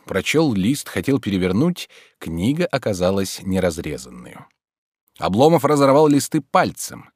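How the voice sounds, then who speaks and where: Expressive male audiobook narrator. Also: mid-range voice, dry recording, clean studio sound. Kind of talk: scripted narration.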